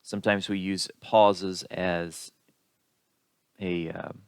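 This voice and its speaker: A man with a very low voice lectures on public speaking in a steady, explanatory way. The recording is dry and close, with no room sound. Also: smooth, no room sound. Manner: explanatory, unhurried, with occasional fillers. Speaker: instructor.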